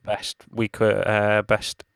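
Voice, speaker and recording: A man's voice: on the low side, monotone, slow pace, gravelly, fairly bright tone, clear, resonant tone, no echo. A man co-hosting a casual podcast, teasing in a dry way. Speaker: podcast co-host.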